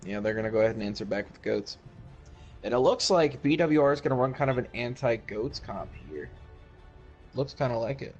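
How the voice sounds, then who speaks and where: A man casting an esports match play-by-play, relaxed and a little tired. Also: medium pitch, brisk, lo-fi sound. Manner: relaxed, tired, yawning between calls. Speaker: esports caster. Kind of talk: play-by-play commentary. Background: music.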